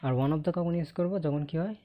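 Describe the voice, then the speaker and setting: A Bangladeshi-accented man teaches English grammar online in a fairly high, mellow voice at a quick pace. Posing questions and answering them on his own, he keeps checking understanding by finishing points with "okay?".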